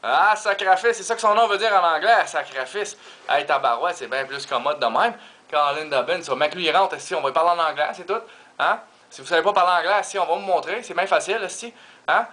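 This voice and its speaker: Rambling Québécois comic, bright tense voice. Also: male voice, on the high side, a little fast. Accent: Québécois French. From Quebec. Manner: rambling, full of Quebec swear fillers, mixes in English words. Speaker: stand-up comedian. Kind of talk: comic monologue.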